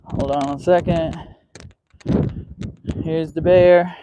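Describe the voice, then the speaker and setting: A man with a high, light voice talks slowly and loosely to his live viewers while walking a dog outdoors. He exclaims about the wind and calls after the dog. A faint hiss of wind runs under his voice from a covered mic. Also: fairly even intonation, mellow, lo-fi sound. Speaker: livestream host. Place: outdoors on a windy trail. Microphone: mic with a wind cover, handheld while walking. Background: wind noise.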